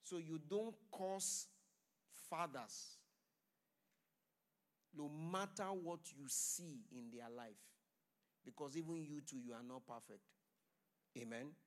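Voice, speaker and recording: A man's voice: on the high side, slow, pauses often. Man preaching a call-and-response sermon. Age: adult. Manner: loud declaring blessings.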